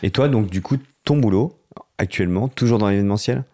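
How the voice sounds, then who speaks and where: Low-voiced man asking questions. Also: brisk, mellow. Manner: short prompts and backchannels. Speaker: podcast host. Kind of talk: casual podcast interview.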